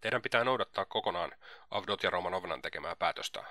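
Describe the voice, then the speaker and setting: A man reading the lines of a calm, serious young friend in an audiobook. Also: deep voice, no room sound, studio quality, heavily acted.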